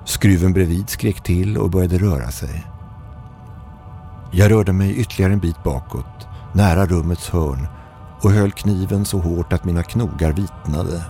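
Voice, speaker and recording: A man reading a scripted first-person horror story in a tense, measured way. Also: sits low, mellow. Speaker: horror podcast narrator. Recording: faint music bed behind.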